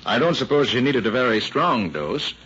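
An American actor playing a courteous, probing male detective, calm and persistent, in an old-time radio drama. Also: mid-range voice, normal speed. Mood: polite probing. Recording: noisy, muffled old radio recording.

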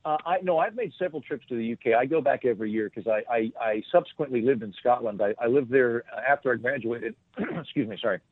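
A man's voice: mid-range voice, fast talker, no echo. Man, comedian guest, self-deprecating, rambling, tinny phone-like audio. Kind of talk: storytelling in a podcast interview. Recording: tinny phone-like line, dry.

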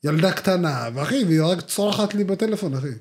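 Young man, slightly high voice, slangy, rambling, lots of fillers, podcast co-host. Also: expressive. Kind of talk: casual chat.

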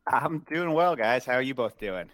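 A man's voice: medium pitch, expressive, normal speed, fairly bright tone. A man appearing as a podcast guest, talking sports in a casual, conversational way.

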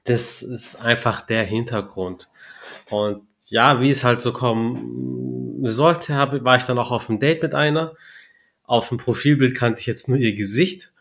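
A young man telling a story in relaxed podcast chat, slangy and laughing at his own punchlines. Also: medium pitch, unhurried, creaky, faint music behind. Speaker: podcast co-host. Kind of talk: casual storytelling.

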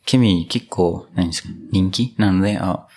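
Deep-voiced man, upbeat interviewer. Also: moderate pace, a little mellow. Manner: upbeat, mixes English words into speech. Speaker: interviewer host. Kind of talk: casual interview chat.

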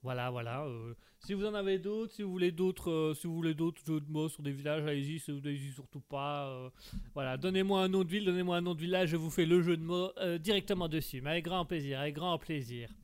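A man hosts a relaxed live stream, chatting with his viewers. His voice sits a little high, and he rambles along, stacking puns and tripping over restarts and fillers. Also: quick pace, smooth. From Belgium. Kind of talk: casual live stream chat reading chat messages.

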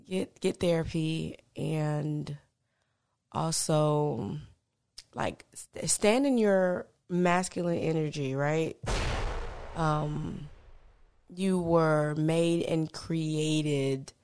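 A woman's voice: low-pitched, drawn-out words, clean tone. A woman who founded a small business, talking casually as an interview guest, laughing often. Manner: laughs often, relaxed and conversational.

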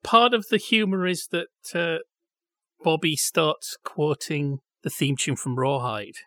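A man co-hosting a film review podcast, chatting in a sardonic way and tossing in silly quick voices. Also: a little high, a bit bright, dry recording. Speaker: podcast co-host. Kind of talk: casual film review chat.

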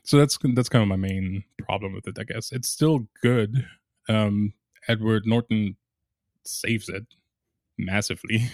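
Low-voiced hesitant podcast co-host. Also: male voice, a little mellow, no room sound, studio quality. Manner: hesitant, halting with ums. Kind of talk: casual chat.

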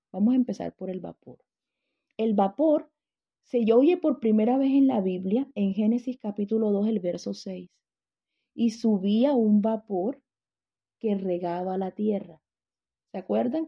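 A woman's voice: mid-range voice, creaky, slightly rough, muffled recording. A woman teaching a Bible lesson, telling stories and putting questions to her class.

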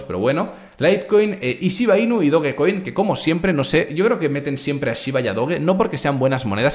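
Brash crude man, live crypto stream, swooping lively pitch, mid-range voice. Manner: brash, crude, animated, talks straight to chat. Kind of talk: live stream market commentary.

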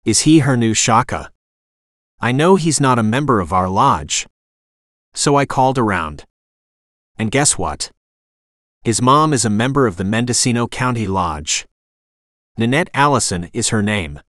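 A cocky young guy, as the narrator plays him, all slang and swagger, grandstanding like he owns the room. his pitch bounces around a lot and the sound is dry and close. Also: expressive, measured pace, long pauses, fairly bright tone, dry recording. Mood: brash. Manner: casual slang, showy, whiny at times. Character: brash young man, cocky slangy prosecutor.

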